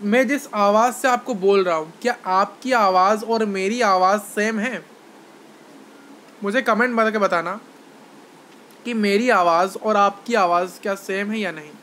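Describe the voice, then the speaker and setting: A man's voice: sits high, a little slow, a bit bright, a little hiss or hum. A man giving an online science lecture to students, repeating points, asking them questions, and mixing in English phrases. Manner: repetitive explanations, asks questions to students; mixes Hindi with English phrases. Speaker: science teacher.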